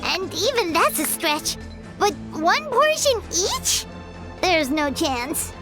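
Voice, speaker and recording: A woman voicing a small, excitable, dramatic fairy companion with a squeaky, exclamatory delivery in a video game. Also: slow, music in the background, exaggerated voice. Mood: eager, doubtful. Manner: squeaky, refers to self in third person, exclamatory.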